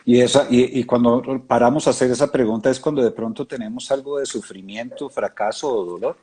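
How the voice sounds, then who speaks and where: A man's voice: medium pitch, brisk, warm tone, slightly rough. A man in a conversation, hesitantly searching for his words and repeating himself as he shares a thought. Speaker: conversation partner. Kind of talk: casual conversation.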